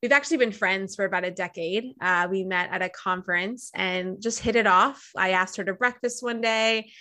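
An American woman in her thirties speaks as a podcast guest. Her voice is bright and forward, at an average pitch for a woman. She is chatty and informal, explaining things in a conversational interview style. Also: normal speed. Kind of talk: casual interview chat.

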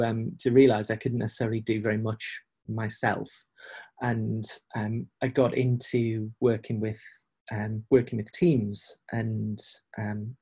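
A man's voice: fairly low pitch, gravelly, a little mellow, husky. A man in casual, reflective conversation as an interview guest, speaking hesitantly and often repeating phrases as he goes. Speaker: podcast guest, agile coach.

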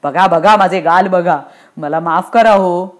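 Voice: medium pitch, a little slow, lightly acted. A reader voicing a harried male messenger of death who complains and pleads. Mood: pleading. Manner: complaining, self-pitying. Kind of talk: storytelling play reading.

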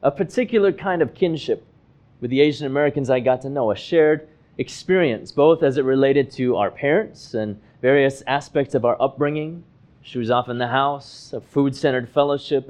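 A man in his thirties from Hong Kong, a pastor giving a measured, earnest, reflective sermon. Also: mid-range voice, a little mellow. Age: 30s.

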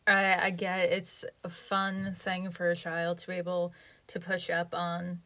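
A woman's voice: fairly low pitch, monotone, a little slow, bright, forceful tone. A young woman in casual vlog chat, talking in a chatty, rambling way while recording inside a small closet at home. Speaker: vlogger. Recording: light background noise.

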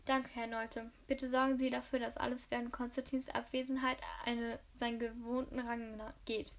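A woman's voice: fairly high pitch, level tone, moderate pace, close to an everyday voice. A woman voicing an elderly, wealthy widow who speaks in a formal, clipped way. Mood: composed.

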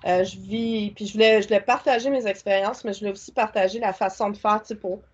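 A woman's voice: medium pitch, steady tone, fast, slightly rough, highs cut off. A woman with a Québécois French accent, a guest talking casually and enthusiastically about her spiritual content, often rambling. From Quebec. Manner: chatty, rambling, enthusiastic, colloquial. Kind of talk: casual interview chat.

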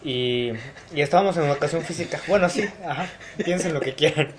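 A young man with a Mexican accent, co-hosting a casual podcast and chatting with quick, joking remarks. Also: on the high side, a crowd in the background. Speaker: podcast co-host. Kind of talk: casual chat.

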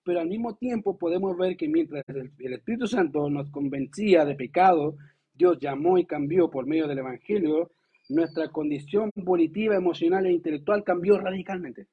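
A pastor delivering a lively, conversational sermon, asking the congregation rhetorical questions and acting out quotes. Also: male voice, a little high, moderate pace, slightly rough. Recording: tinny phone-like sound.

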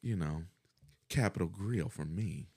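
A man's voice: low-pitched, normal speed, a little mellow, husky, no echo, clean studio sound. A middle-aged man chatting casually as a podcast guest, laid-back and profane, laughing often.

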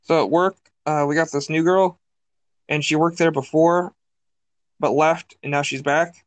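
A man's voice: on the high side, fairly even intonation, a little slow, no room sound. A man co-hosting a podcast, rambling through stories with lots of fillers. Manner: rambling, filler-heavy storytelling. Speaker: podcast co-host. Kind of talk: casual chat.

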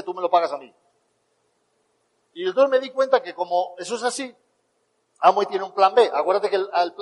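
A man with a Spain Spanish accent giving a motivational talk, telling animated stories and acting out the dialogue. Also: high-pitched, in a large hall, rough recording. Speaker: motivational speaker.

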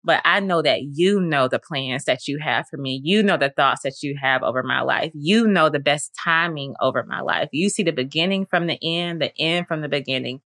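A woman's voice: low voice, moderate pace, hardly any pauses, fairly bright tone, no echo, clean studio sound. A woman hosting a faith podcast, talking earnestly and conversationally with lots of fillers. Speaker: podcast host.

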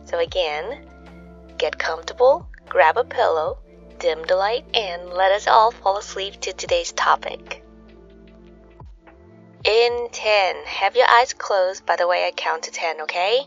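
A woman's voice: on the low side, measured pace. A woman hosting a bedtime sleep podcast in the manner of a sleep story narrator, musing conversationally as she goes. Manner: conversational, musing, asks rhetorical questions. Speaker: host of a relaxation sleep podcast. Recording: dull lo-fi sound, music behind. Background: soft background music.

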